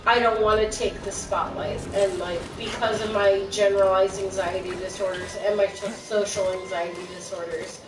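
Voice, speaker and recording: A woman talks on and on in a rambling, self-conscious way as a stream co-host. She sounds set back from the mic in an echoey room. Game music plays loudly behind her. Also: medium pitch, fairly even intonation, normal speed, few pauses. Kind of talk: casual chat during a game stream. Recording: distant mic in a roomy space with game music.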